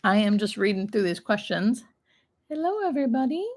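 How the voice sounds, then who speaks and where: A woman's voice: mid-range voice, sing-song, fairly quick, darkish tone. A woman hospice nurse hosting a live question session, chatting informally and explaining things in plain, conversational terms. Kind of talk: casual live-stream chat answering viewer questions.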